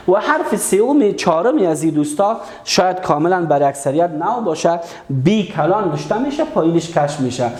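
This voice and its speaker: A man's voice: a little high, darkish tone, echoey room. Patient male teacher. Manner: patient, repeats key words, asks the class questions. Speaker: language teacher. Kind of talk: online lesson.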